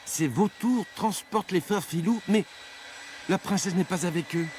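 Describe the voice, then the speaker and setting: A man's voice: high voice, normal speed, a little mellow, a little hiss or hum, lightly acted. A man voicing a confident young hero in a bold, declaiming storybook voice. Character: brave young hero with flying vacuum.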